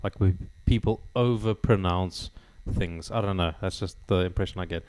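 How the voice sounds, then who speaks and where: A man's voice: sits low, normal speed, darkish tone. A man chatting casually with livestream viewers, laughing often, on a studio microphone at home. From South Africa. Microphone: studio dynamic microphone.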